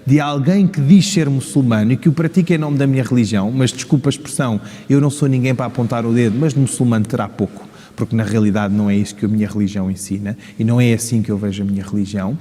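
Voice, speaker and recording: Racing with few pauses, this man speaks in a mellow, medium-pitched voice with a steady tone and a European Portuguese accent. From Portugal, he gives interview answers as a community leader, articulate and emphatic with rhetorical questions, in a large reverberant room in a mosque with long hall-like reverb.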